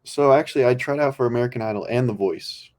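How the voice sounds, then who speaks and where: A young adult man from California, a podcast guest, chats casually in a laid-back, rambling way peppered with ums. His mid-range voice is darkish in tone and fast.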